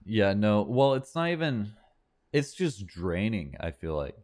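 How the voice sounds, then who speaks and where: Slow-talking young man on a podcast. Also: fairly low pitch, sing-song, darkish tone. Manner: laughs often, mimics others' stammering. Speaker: podcast co-host. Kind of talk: casual podcast chat.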